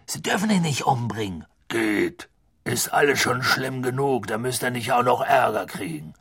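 A man voicing a huge, gruff but gentle half-giant gamekeeper in a storybook reading, urgent and protective. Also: slow pace, dry recording, studio quality, exaggerated voice. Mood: pleading. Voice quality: deep husky rumble. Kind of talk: audiobook character voice.

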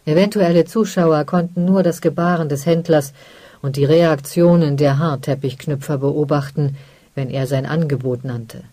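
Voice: mid-range voice, no room sound. Ruhiger Hörbuchvorleser mit dunklem Klang. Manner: calm, measured storytelling. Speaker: audiobook narrator. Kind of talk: scripted narration.

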